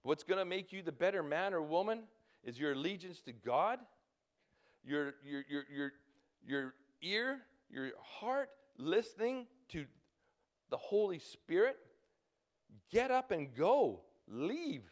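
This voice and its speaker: Animated, high-pitched preaching man in his fifties. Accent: Canadian English. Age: 50s. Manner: halting, repeats words, urgent exhortations. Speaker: pastor. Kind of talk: sermon.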